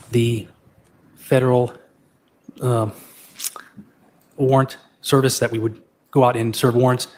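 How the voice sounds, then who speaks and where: Male expert witness, middle-aged, little pitch movement, matter-of-fact and halting on the stand. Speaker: expert witness, retired state trooper and forensic analyst. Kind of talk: formal courtroom testimony. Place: courtroom. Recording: faint background noise.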